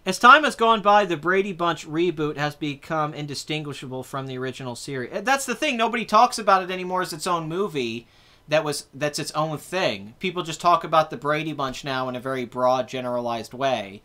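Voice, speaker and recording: A man's voice: a little high, lively intonation, fairly quick, sharp tone. A man in his twenties hosting a casual live chat about movies, rambling and correcting himself as he answers viewer comments. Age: 20s. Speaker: host.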